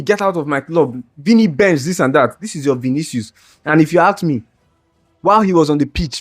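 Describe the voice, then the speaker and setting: A young man, a football fan vlogger, rants in a reaction video about a match in a slightly high, husky voice. He's heated and exasperated, stumbling over restarts and straining his voice.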